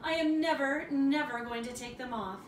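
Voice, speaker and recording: A woman voicing an excitable, stubborn young girl in a children's storybook, exclaiming and repeating words emphatically. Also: high voice, moderate pace, reverberant, recorded from a distance, a little hiss or hum, pitched above the performer's own voice, natural voice. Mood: defiant.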